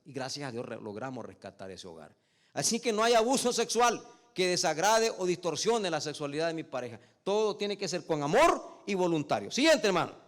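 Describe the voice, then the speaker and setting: A male pastor preaching to his church with a fairly high-pitched voice. He moves from easy storytelling into loud, emphatic stretches and keeps addressing the congregation as brother. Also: big-room sound. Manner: addresses listeners as "hermano". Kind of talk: sermon. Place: church service.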